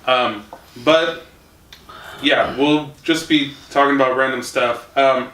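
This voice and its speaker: A young podcast host with a mid-range, fairly bright voice takes it slowly in a casual, laid-back, rambling chat, chuckling often. He is recorded from far off in an echoey room with faint noise.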